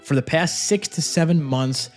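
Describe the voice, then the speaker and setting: This audiobook review host's voice is on the high side and darkish in tone, delivered at a moderate pace. Speaking into a standalone mic with a phone camera from his home office, he gives a casual, gushing, enthusiastic vlog review over background music.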